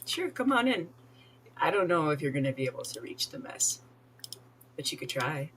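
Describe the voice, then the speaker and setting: Low-voiced woman chatting over gameplay. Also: very animated, moderate pace, fairly bright tone, slight background noise. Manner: chatty, giggly, talks to game characters. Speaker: streamer playing a life-sim game. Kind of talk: casual gameplay commentary.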